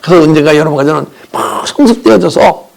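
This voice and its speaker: Gravelly high-pitched impassioned pastor. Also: male voice, fast talker. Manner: impassioned, vivid sound words, swings from soft to crying out. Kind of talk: emotional sermon testimony. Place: church sanctuary.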